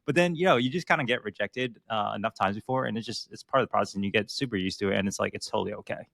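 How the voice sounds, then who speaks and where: A young man co-hosting a casual podcast on physical therapy, relaxed and full of fillers like "like". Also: fairly low pitch, racing, vocal fry, no echo, studio quality. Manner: relaxed, filler-heavy, lots of "like" and "right?". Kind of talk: casual business podcast chat.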